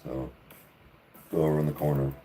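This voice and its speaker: A man's voice: extremely low pitch, flat delivery, a little fast, dark tone, a little hiss or hum. A man hosting a podcast, ranting sarcastically in casual chat with plenty of profanity. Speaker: podcast host. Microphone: studio podcast mic.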